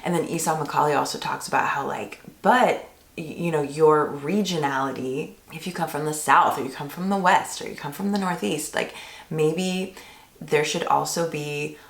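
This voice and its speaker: A hoarse woman with a low, gravelly voice talks eagerly about books for fellow teachers. She chats freely with plenty of fillers, and the room around her rings with echo. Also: moderate pace. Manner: chatty, enthusiastic, many fillers. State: losing her voice. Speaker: teacher and channel host. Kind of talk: casual vlog about books.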